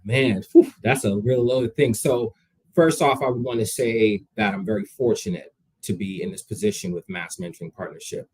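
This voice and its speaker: A young man of Jamaican heritage is a guest in a casual interview, talking energetically and conversationally and often repeating words as he begins a sentence. His voice is on the low side and slightly rough, and the audio is poor.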